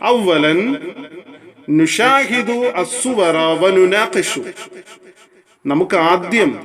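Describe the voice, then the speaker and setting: A man's voice: high-pitched, a bit bright. A man teaching young children Arabic in an online lesson. He patiently asks them questions and then answers them himself, giving each phrase in Arabic and then explaining it.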